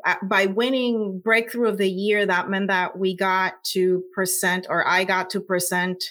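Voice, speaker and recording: In a conversational interview, a scientist guest from Puerto Rico talks earnestly with her Puerto Rican accent, using many fillers. She has a mid-range, fairly bright voice, flat in delivery and slightly slow.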